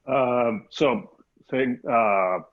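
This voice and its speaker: A man's voice: medium pitch, very slow. A man from Argentina, a head winemaker on a virtual panel, speaking hesitantly with stumbling starts. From Mendoza, Argentina. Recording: tinny phone-like audio.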